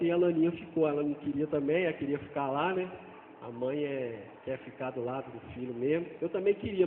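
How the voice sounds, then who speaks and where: A man, a father, gives an earnest personal testimony in church, talking haltingly and repeating phrases as he goes. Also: on the high side, a little hiss or hum. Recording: tinny, echoey hall sound.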